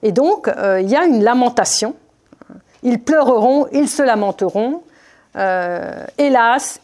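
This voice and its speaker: A woman giving a Bible study talk, reading verses and explaining them in a spontaneous, halting way with many fillers and restarts. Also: on the high side, dark tone. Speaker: Bible teacher.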